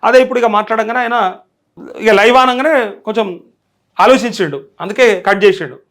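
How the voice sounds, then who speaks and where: A journalist with a Telangana accent hosts a live call show, reading the news and commenting on it while challenging viewers with rhetorical questions. His voice sits high with a fairly bright tone and moves fairly quickly.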